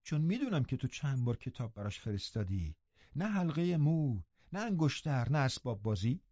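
Man putting on a stern housekeeper woman, scornful, firm, lively pitch, slightly dull sound. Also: no room sound. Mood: scolding. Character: stern scolding middle-aged housekeeper woman.

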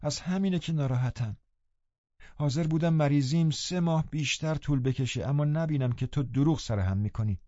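A man voicing an older woman servant who scolds gently in a hushed, pleading way, in an audiobook reading. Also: on the high side, dry recording, highs cut off, pitched above the performer's own voice, natural voice. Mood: sorrowful.

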